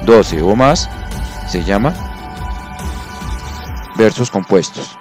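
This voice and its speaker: Male teacher, lower voice, patient and methodical, faint music behind. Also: lively intonation, slow, darkish tone. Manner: patient, counts syllables aloud, checks understanding. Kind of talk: explanatory classroom lesson.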